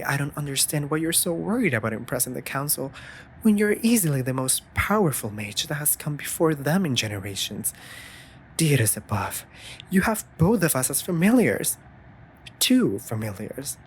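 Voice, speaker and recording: Speaking at an extremely low pitch in a sing-song way, a woman plays a devoted yet exasperated, sassy raven familiar scolding theatrically in formal language. This scripted roleplay audio drama is addressed to the listener, runs at normal speed, and carries slight background noise.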